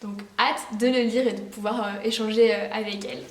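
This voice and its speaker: A woman's voice: mid-range voice, fairly even intonation, fairly quick, reverberant, recorded from a distance. A teenage girl chatting in a casual gift-haul vlog, bubbly and rambling, with lots of fillers and restarts. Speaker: vlogger.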